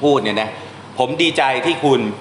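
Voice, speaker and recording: A male translation teacher giving an informal classroom lesson, talking through examples step by step and reading English lines slowly. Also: medium pitch, expressive, reverberant, slight background noise.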